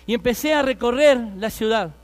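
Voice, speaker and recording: A man's voice: very high voice, animated, moderate pace, clean tone. A man in his thirties with an Argentine accent, telling his life story as a fervent preaching testimony and speaking straight to his listeners. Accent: Argentine Spanish.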